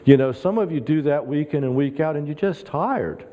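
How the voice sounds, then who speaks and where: A man's voice: fairly high pitch, moderate pace, narrow, tinny audio, a little hiss or hum. Chatty male guest preacher in a church hall. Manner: conversational, chuckling, animated when quoting Peter. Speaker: guest pastor. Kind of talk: sermon. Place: church sanctuary. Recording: long reverb in a church hall.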